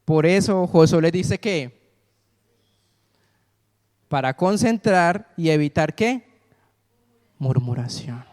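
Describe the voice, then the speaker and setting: A man's voice: on the high side, lively intonation, takes it slowly, long pauses, darkish tone. A man preaching a sermon in a church, repeatedly asking the congregation to call out the missing word. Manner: call-and-response, asks congregation to fill in words. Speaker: pastor. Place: church sanctuary. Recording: long reverb of a church hall.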